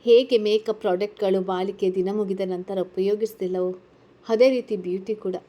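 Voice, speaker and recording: A woman's voice: mid-range voice, steady tone, normal speed, warm tone, close to an everyday voice. A woman voicing a tearful, guilt-ridden young college woman in a read-aloud story, asking anxious questions. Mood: earnest. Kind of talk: storybook character reading.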